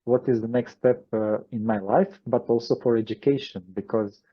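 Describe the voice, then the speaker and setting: A man from Croatia with a Croatian accent, answering interview questions as a guest, pausing often with fillers and restarts over a video call. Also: medium pitch, fairly even intonation, slightly rough, highs cut off. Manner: hesitant, many fillers and restarts. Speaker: guest channeler.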